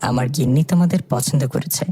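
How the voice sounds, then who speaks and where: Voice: mid-range voice, fairly quick, warm tone, a little hiss or hum, pitched below the performer's own voice, natural voice. A narrator voicing a scheming male sorcerer in a spoken horror story, sneering and menacing.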